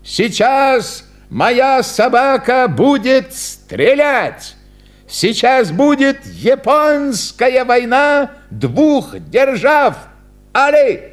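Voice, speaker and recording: A man doing a shrill, frantic young clown barker. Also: sing-song, takes it slowly, full character voice. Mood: shrieking. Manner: shrill, shouting at a stubborn dog. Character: flustered young male circus clown barker.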